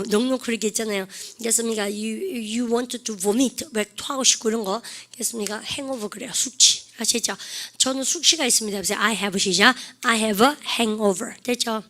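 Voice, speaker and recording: A woman's voice: a little high, brisk, fairly bright tone. A woman teaching English vocabulary, prompting students to repeat phrases and joking along the way. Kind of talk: lively online English lesson with call-and-repeat drills.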